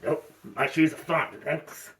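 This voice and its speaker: A man voicing the Grinch as a grumpy, sour, Christmas-hating monster who reads a children's storybook in a theatrical, animated way. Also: on the high side, takes it slowly. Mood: grumpy, reluctant. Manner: grouchy, theatrical, repeats words with mounting emphasis. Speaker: storybook reader in character.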